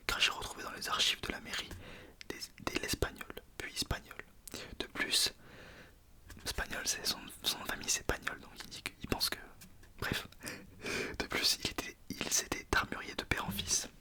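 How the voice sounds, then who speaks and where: A man reading in a soft ASMR whisper, informal, sometimes stumbling over words and correcting himself. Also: normal speed. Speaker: ASMR video creator. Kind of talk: whispered ASMR book reading with casual asides.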